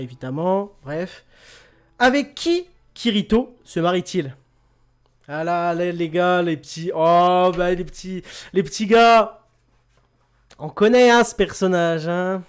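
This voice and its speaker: A man hosting a casual quiz show, joking, laughing often and repeating his words. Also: fairly high pitch. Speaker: host of an online quiz radio show.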